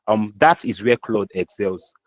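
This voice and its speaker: A man's voice: lowish voice, animated, measured pace, poor audio. Nigerian man teaching over a video call. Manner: explanatory, with frequent restarts and fillers. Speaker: online class instructor. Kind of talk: live online lecture. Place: online meeting call.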